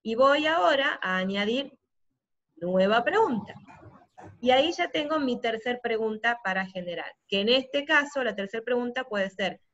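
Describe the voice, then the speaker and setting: A middle-aged woman, a teacher explaining software step by step on a live video call and often checking that her listeners follow. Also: fairly high pitch, lively intonation, moderate pace. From Argentina. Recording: dull lo-fi video call audio.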